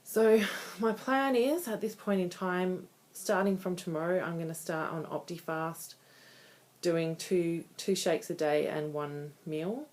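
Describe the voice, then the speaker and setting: A woman's voice: lowish voice, measured pace, darkish tone. A woman in her thirties talking candidly and conversationally in a casual personal video diary. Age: 30s. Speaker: vlogger.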